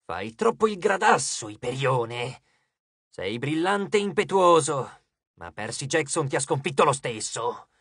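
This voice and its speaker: A man voicing a gentle, weary male Titan of the West who works as a janitor, speaking in a low, calm, measured voice. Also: slightly rough, dry recording, studio quality, full character voice. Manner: slow, measured, quietly firm.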